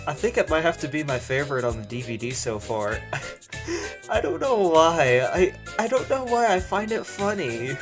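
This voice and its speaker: A man's voice: a little high, very animated, normal speed, fairly bright tone, faint music behind. A man casually commenting over clips in a chatty, giggly way, full of fillers. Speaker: video reviewer.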